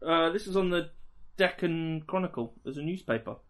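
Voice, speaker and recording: A man's voice: fairly high pitch, expressive, brisk, fairly bright tone. A man co-hosting a casual podcast, a wry storyteller who builds his tales up with dramatic setups. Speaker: podcast co-host.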